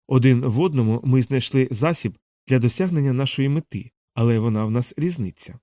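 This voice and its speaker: A man's voice: medium pitch, fairly quick, warm tone, no room sound, studio quality, lightly acted. A man reading the lines of a haughty, curt wealthy man in a cold, dismissive tone. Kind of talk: audiobook character reading.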